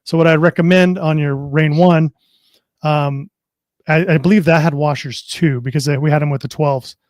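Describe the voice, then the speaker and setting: Friendly male product specialist, chatty explainer, a bit higher voice, dry close recording. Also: fairly even intonation, normal speed, darkish tone, dry recording. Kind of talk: casual livestream chat and product demo.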